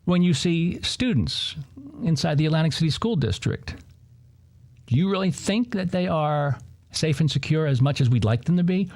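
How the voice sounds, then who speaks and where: A male commentary host from New Jersey with a lively, swooping voice. He rants sarcastically, jumping between mockery and exasperation. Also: fairly high pitch, moderate pace. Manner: sarcastic, heated, mocking asides. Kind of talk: opinionated political commentary.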